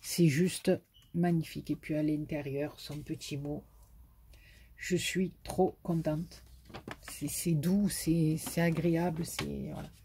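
A woman's voice: sits low, fairly even intonation, slow pace, gravelly, warm tone, a little hiss or hum. A woman with a southern French accent, a YouTuber chatting to camera as she shows greeting cards she was sent, effusive and full of fillers. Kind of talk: casual chat to camera.

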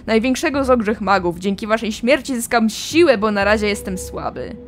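A woman's voice: medium pitch, expressive, a little fast, faint music behind, natural voice. A woman reading the lines of a boastful male ogre mage from a fantasy game, in a grandiose, proclaiming way. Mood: gloating.

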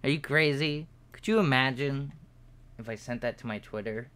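A man's voice: moderate pace, fairly bright tone. A young man streaming live, rambling and joking at himself as he talks to his viewers while he models in 3D. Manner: yawning, low-key late evening.

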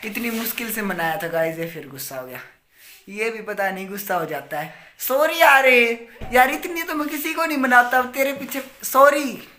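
A man's voice: very high-pitched, lively intonation, normal speed, pushed and bright, slight background noise. A young man, chatting casually on a family vlog and coaxingly pleading and apologizing over and over. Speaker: vlogger.

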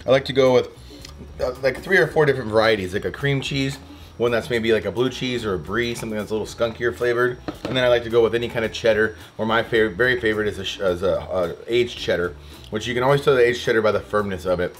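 A man's voice: fairly low pitch, fast talker, slight background noise. A young man hosting a casual cooking vlog in a houseboat kitchen, talking in a chatty, rambling way with restarts, recorded on a close camera mic. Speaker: fishing vlogger.

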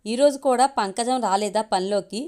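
A woman's voice: medium pitch, moderate pace, dark tone, close to an everyday voice. A woman reading as Pavan, a teasing young husband. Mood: sheepish. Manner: joking, then pleading and exasperated. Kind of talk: storybook reading.

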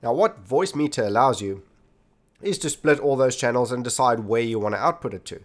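Speaking a little fast at a medium pitch, a man runs a tech tutorial, addressing viewers directly and demonstrating each step on his computer. It's scripted-feeling screen narration, recorded indoors through a desktop computer microphone.

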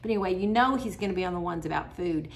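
A woman's voice: lowish voice, very fast, gravelly. A middle-aged woman, chatting casually as a cooking vlog host, laughing and searching for words. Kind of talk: casual chat.

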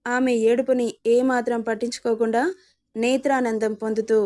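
A woman reading a dramatic story aloud in an expressive, steady storytelling manner. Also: on the high side, moderate pace.

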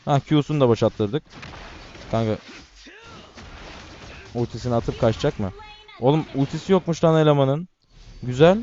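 A man giving casual, excitable commentary while playing a mobile game, talking to his teammates and to viewers. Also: medium pitch, normal speed, long pauses, dull audio, a little hiss or hum. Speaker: gaming YouTuber.

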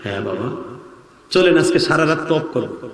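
A man's voice: on the high side, expressive, normal speed, a little hiss or hum. A man from Bangladesh preaching an emotional, sing-song sermon to an outdoor crowd. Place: outdoor religious gathering. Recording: echoey open-air PA sound.

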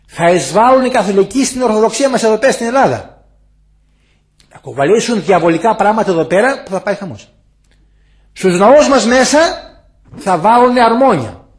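Older man, elder monk, high voice, very animated pitch, emphatic warnings, hushed asides. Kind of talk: spiritual talk to visitors. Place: monastery guest room.

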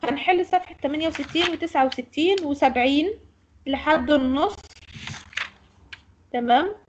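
A woman's voice: high-pitched, moderate pace, lo-fi sound, a little hiss or hum. An Egyptian woman teaching English pronunciation in an online lecture, explaining and correcting students. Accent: Egyptian Arabic.

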